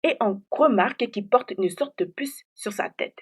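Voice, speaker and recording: A woman video essayist giving a scripted analysis of an animated series, in a slow, theatrical storytelling manner. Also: fairly high pitch, slightly rough.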